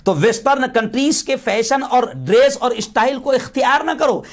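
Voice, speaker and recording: Man, preacher, fiery sermon, high voice, impassioned, shouting exhortations.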